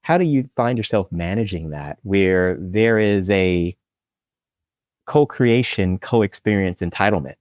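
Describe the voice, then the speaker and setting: A middle-aged man hosts a podcast in a low voice. He asks long, winding questions and keeps up steady "right" and "mm-hmm" replies. The recording is dry and close. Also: a little slow, dry recording. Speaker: podcast host, association CEO. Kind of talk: interview questions.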